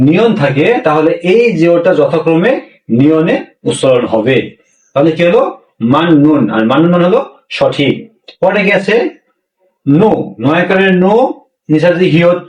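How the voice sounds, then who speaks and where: A man's voice: on the high side, darkish tone. Echoey, distant male language teacher. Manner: repetitive, asks questions and answers them himself. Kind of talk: classroom lesson explaining pronunciation. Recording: echoey room, mic far off.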